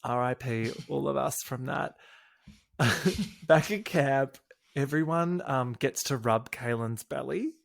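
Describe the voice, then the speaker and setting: Gravelly, gossipy man recapping. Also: medium pitch, takes it slowly. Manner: camp, gossipy, quotes people in put-on voices. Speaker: podcast co-host. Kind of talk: casual recap chat.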